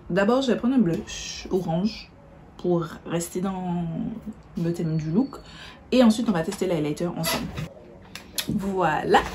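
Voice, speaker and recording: A woman's voice: mid-range voice, mellow, a little hiss or hum. A woman chatting casually through a makeup tutorial, correcting herself as she goes and describing each product while she applies it. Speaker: beauty vlogger.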